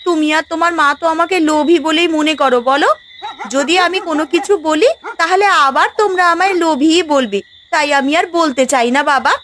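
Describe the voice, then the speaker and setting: A woman's voice: high-pitched, fairly quick, a bit bright. A woman voicing a covetous young village wife in a cartoon, complaining and full of self-pity. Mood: sulky. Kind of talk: cartoon voice acting.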